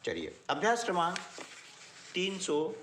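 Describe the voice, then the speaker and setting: A man's voice: unhurried, roomy sound, slight background noise. A man teaching a workbook lesson, explaining step by step and often checking in with short questions to the listener. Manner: lively, rising and falling pitch.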